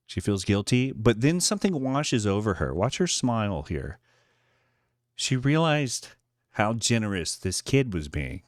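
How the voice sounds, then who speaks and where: Low-voiced man narrating a short film. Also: dry recording, clean studio sound. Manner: narrates the woman's thoughts in playful quoted voices, laughing often. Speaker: composer breaking down his film score.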